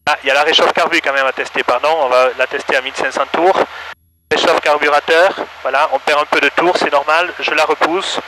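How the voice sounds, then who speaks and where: A male flight instructor talking over a cockpit headset, working through checklists in a calm, methodical way. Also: on the high side, a little fast, rough recording. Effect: pilot talking over a cockpit headset. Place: small plane cockpit. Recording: loud engine noise behind.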